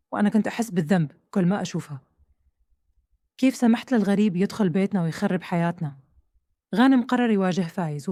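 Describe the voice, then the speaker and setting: Fast-talking Hejazi Saudi woman storyteller. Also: medium pitch, mellow, dry recording, studio quality. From Saudi Arabia. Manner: tense, questioning, dramatic. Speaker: narrator. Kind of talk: first-person dramatic storytelling.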